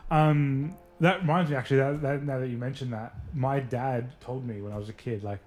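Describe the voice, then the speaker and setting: A man's voice: medium pitch, fairly even intonation, brisk, darkish tone, a little hiss or hum. A man in casual conversation, thinking aloud in a tentative, informal way. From family from Lebanon. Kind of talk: casual conversation about family and culture.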